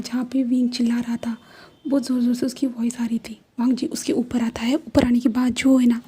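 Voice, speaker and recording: A woman narrating a fan fiction story in Hindi-English, in a soft, often whispered voice. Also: on the high side, breathy edge.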